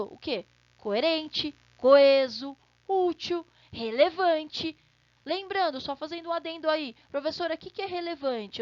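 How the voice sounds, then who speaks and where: A woman's voice: high-pitched, dry recording, muffled recording. A woman teacher giving an online lesson, explaining step by step and often checking in with the class. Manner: explanatory, checks in with frequent tag questions.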